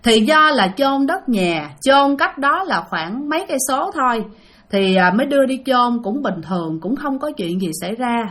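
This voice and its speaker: A woman's voice: sits high, very animated, moderate pace, fairly bright tone. A woman with a Southern Vietnamese accent telling a ghost story, emotional and speaking directly to her listeners. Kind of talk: spoken ghost-story narration.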